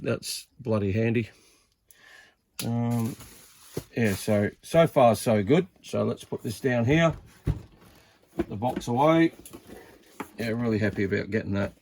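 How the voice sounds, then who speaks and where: Medium in pitch with a darkish tone, a man offers relaxed unboxing commentary, half-muttering to himself as he handles items. He reviews vintage CB radios as a hobby; expect clear background noise and handling clicks.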